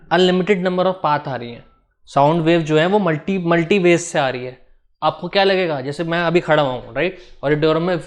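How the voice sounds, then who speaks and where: Fairly high-voiced Indian physics teacher. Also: male voice. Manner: explains in Hindi mixed with English, often checks understanding; slows down to dictate definitions in English. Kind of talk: online class lecture.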